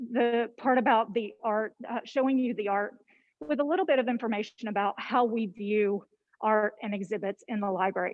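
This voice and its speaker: A woman's voice: fairly high pitch, dry recording, lo-fi sound. A woman leading a casual guided tour of a library, slightly out of breath as she walks and talks, with frequent ums and restarts. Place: inside a library building, walking through stairwell and vestibule. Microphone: handheld phone camera on a video call.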